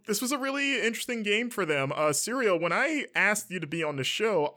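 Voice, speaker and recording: A man's voice: fairly high pitch, pushed and bright. A man hosting a podcast in a casual, conversational style. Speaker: podcast host.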